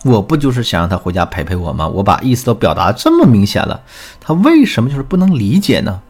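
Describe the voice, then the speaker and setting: A man's voice: fairly low pitch, wildly swooping pitch, fast, a little mellow, husky, soft background music, heavily acted. A man voicing a 29-year-old wife who complains in exasperation about her husband. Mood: exasperated.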